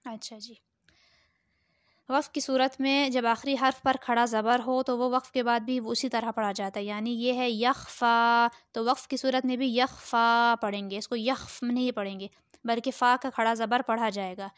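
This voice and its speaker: A woman teaching Quran reading, spelling each word out syllable by syllable in a slow, drawn-out way, then adding short explanations. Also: on the high side, fairly even intonation, clear, resonant tone, dry recording, clean studio sound. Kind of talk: slow spelled-out recitation lesson.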